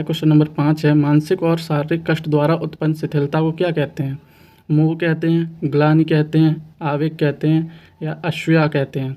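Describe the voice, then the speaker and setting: Mellow-voiced male exam coach, flat delivery. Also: a little high. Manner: patient, repeats questions and answers, asks rhetorical questions. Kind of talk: explaining quiz answers to students.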